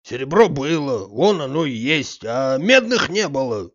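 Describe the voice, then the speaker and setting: Brief: мужчина изображает упрямого ворчливого старого слугу, грубовато и громко, запись глуховатая. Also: male voice, medium pitch, very animated, a little slow, fairly bright tone. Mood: stubborn. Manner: gruff, stubborn, raised voice. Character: stubborn grumbling old male manservant. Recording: slightly muffled audiobook recording.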